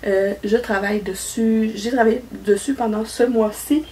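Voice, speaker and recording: A woman's voice: a little high, steady tone, normal speed, darkish tone. A woman from Quebec with a Québécois accent, chatting casually as a cross-stitch vlogger, rambling and laughing often. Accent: Québécois French. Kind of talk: casual chat. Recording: voice a bit far from mic, faint noise.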